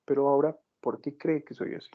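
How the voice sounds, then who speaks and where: A man's voice: medium pitch, fairly even intonation, fairly quick, muffled recording. A middle-aged man teaching a medical class online, probing his students with repeated questions and telling everyday anecdotes. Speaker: medical lecturer.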